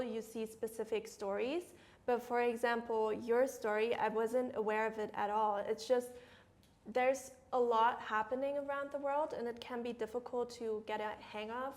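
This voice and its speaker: Articulate young woman, slightly high voice. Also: a little mellow. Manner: reflective, articulate. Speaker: podcast co-host. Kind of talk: casual chat.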